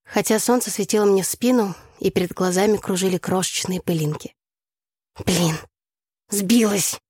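A woman narrating a first-person story for an audiobook in a calm, scripted storytelling manner on a close studio mic. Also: mid-range voice, brisk, no room sound.

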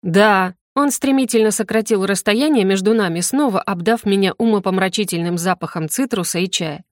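A woman reads first-person audiobook narration at a mid pitch. Her delivery is even and measured. The recording is dry, with no room sound. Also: dry recording. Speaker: audiobook reader.

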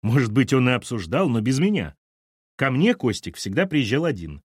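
A man voicing a sharp, businesslike middle-aged woman who answers curtly in an audiobook. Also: mid-range voice, sing-song, normal speed, breathy edge, no echo, clean studio sound, voice pushed up. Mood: clipped, defensive. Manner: curt and clipped.

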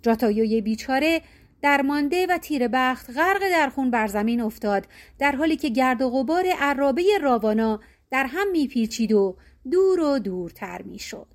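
A woman narrates an old legend for an audiobook. Her delivery is measured and colloquial, her voice sitting a bit high. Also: expressive. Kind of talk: storybook narration.

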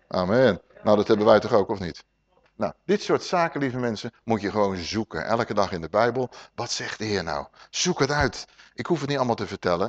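A middle-aged man preaching a lively Bible teaching, asking the congregation questions and acting out voices. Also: mid-range voice. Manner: animated, rhetorical questions to the congregation, acts out voices. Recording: dull lo-fi sermon recording.

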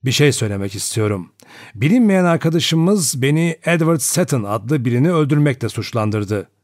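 A man voicing an elderly judge who speaks in a cold, deliberate and authoritative way, in an audiobook. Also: mid-range voice, animated, a little mellow, no echo, clean studio sound, close to an everyday voice. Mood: grave. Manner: measured, deliberate. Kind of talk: audiobook character voice.

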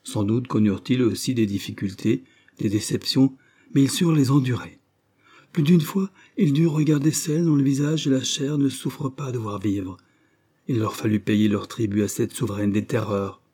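A man narrates a classic novel, measured and expressive. His voice is mellow and dark, with a soft husky edge. It suits a literary audiobook. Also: mid-range voice. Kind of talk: scripted narration.

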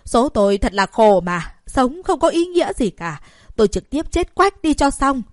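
A woman's voice: medium pitch, big pitch swings, moderate pace, dry recording, studio quality, lightly acted. A woman voicing a greedy, domineering middle-aged mother in an audiobook, scolding and wailing melodramatically. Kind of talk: audiobook character voice.

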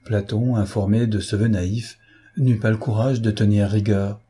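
A man narrating a classic novel in a measured, even reading. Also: lowish voice, husky. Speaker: audiobook narrator.

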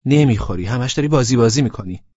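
A man's voice: medium pitch, animated, mellow, no room sound, dull audio, voice pushed up, close to an everyday voice. A man voicing a blunt, nagging young woman who scolds and fires off questions.

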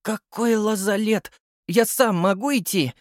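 A man's voice: high-pitched, normal speed, warm tone, dry recording, studio quality, pitched above the performer's own voice, lightly acted. A man voicing a small, stubborn boy who talks with a childish lisp. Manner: lisping, childish.

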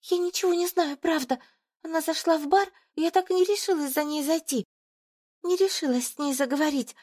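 A woman voicing a frightened young female student who squeaks, sobs and answers back stubbornly in an audiobook. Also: a little fast, a little mellow, lightly acted. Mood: tearful. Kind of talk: audiobook reading.

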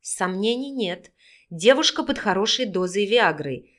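A woman narrates a romance audiobook in an expressive, steady reading voice. Her pitch sits in a middle range for a woman. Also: a little slow. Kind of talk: scripted narration of a romance novel.

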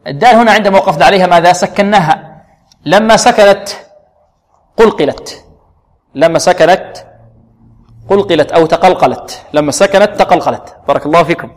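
A man leads a Quran recitation class, posing questions to the students and then answering them himself, and he says words slowly so they can practise. His voice is high, and the sound is that of a big room.

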